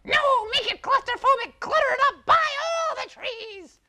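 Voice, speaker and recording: A man voicing a bratty little male imp sidekick in a comic skit, screechy and excitable, straining his voice. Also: very high-pitched, normal speed, background noise, pitched above the performer's own voice. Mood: gleeful.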